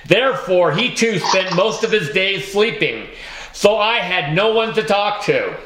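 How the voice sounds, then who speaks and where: This audiobook narrator reads a children's story in the first person at a measured pace, his fairly high, bright voice full of lively intonation. His manner is wry, and the recording sounds roomy and echoey.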